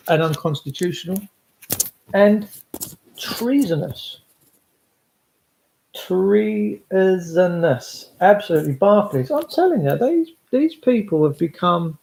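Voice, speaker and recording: English male livestreamer, mellow highish voice, impassioned political monologue, emphatic repetition, roomy echo. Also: a little hiss or hum. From England. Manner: emphatic, repeats phrases for weight. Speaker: livestream host addressing followers.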